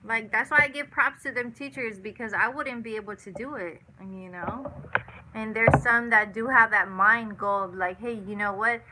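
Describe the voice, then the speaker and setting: A woman's voice: a little high, moderate pace, heavy background noise. A woman in her thirties hosting a casual live chat, answering viewers and repeating herself with lots of "you know" and "like". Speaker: livestream host.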